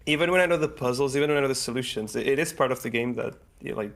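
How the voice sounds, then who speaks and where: A man's voice: medium pitch, racing, vocal fry, fairly bright tone. A man chatting casually with a friend who is playing a game, reassuring him and repeating himself as he talks. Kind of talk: casual chat.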